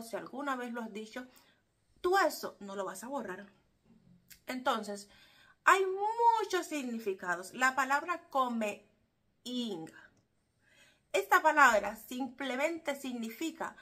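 Fairly high in pitch and fairly bright in tone, this woman from Cuba speaks with a Cuban Spanish accent. In her thirties, she vlogs casually and animatedly from an armchair in a small room, laughing easily as she explains things, with the camera in front at medium-close distance.

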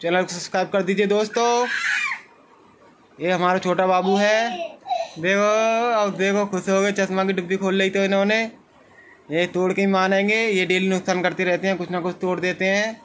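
A man's voice: high-pitched, fairly even intonation, normal speed, a bit bright, a little hiss or hum. Playful man coaxing a toddler at home. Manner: playful, coaxing a toddler in a sing-song voice, laughing often. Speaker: home video vlogger, the baby's uncle. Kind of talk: casual home vlog talking to viewers.

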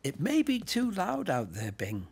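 An actor voicing a small, gentle male caretaker creature in a preschool cartoon, speaking softly and patiently. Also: high-pitched, wildly swooping pitch, unhurried, gravelly, noisy background, full character voice. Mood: calm. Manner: soft, patient and reassuring. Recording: music bed under dialogue.

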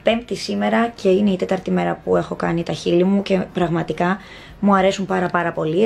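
A woman's voice: on the low side, vocal fry, darkish tone, slight background noise. A woman in her thirties chatting casually to camera for her vlog, playful and teasing, filming on a phone at her makeup academy. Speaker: vlogger, makeup academy owner. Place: busy makeup academy during a workshop. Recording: chattering crowd around. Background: crowd chatter.

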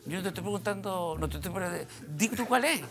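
A man's voice: sits high, fast talker, music in the background. A middle-aged Chilean man, a comedian guest in a TV studio, telling a comic anecdote and acting out every line of dialogue. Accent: Chilean Spanish. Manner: animated, acts out dialogue and sound effects.

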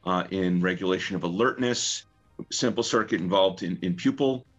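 A man's voice comes through a phone line that sounds muffled and lo-fi. His voice sits on the low side. He explains things in a relaxed interview tone and often pauses on "uh" and "um". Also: breathy edge, faint music behind. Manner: relaxed, with frequent "uh" and "um" fillers. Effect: talking over the phone. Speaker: researcher being interviewed.

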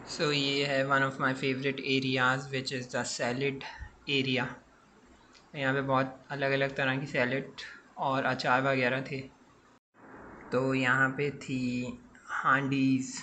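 A food vlogger in his twenties narrates a restaurant buffet in a mid-range, sharp-toned voice over slight background noise. His casual, chatty voice-over often includes "so guys" and mixes in English phrases.

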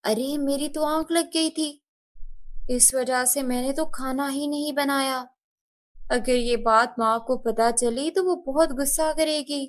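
A gentle, tearful young girl from a cartoon story, voiced by a woman narrator. She speaks softly and pleadingly in a raised, light voice. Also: high voice, fairly even intonation, measured pace, voice pushed up. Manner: soft, pleading.

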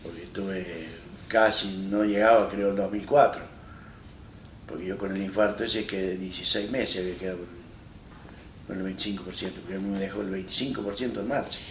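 This Argentine man has a low-pitched voice and a steady tone, and he's an interview guest sharing a personal story in a studio. His Argentine Spanish delivery is plain-spoken and halting, full of restarts as he retells things from an armchair on a small set. The sound is roomy and distant, with echo and a faint hiss.

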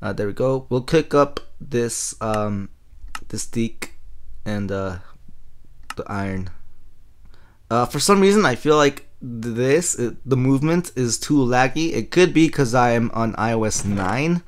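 A young man giving casual let's-play commentary over his own gameplay, excitable and quick to laugh. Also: medium pitch. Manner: excitable, laughs often, shrieks at surprises. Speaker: gaming channel host.

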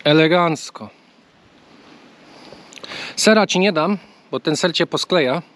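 A man's voice: on the high side, slow, a bit bright. Chatty man vlogging outdoors. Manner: chatty, coaxing talk to a bird. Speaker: travel vlogger. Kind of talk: casual travel vlog. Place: outdoors on a bike trail.

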